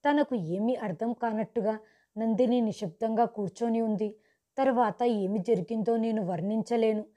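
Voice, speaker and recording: Woman, scripted first-person story, dramatic and suspenseful, mellow tone, slightly high voice. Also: moderate pace.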